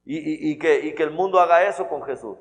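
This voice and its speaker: A man's voice: on the high side, fairly quick. Guy preaching in church, chatty and earnest, keeps restarting words, voice rings out in a big echoey hall. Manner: conversational, earnest, with many restarts and "¿verdad?" checks. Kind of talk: sermon. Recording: long church-hall reverb.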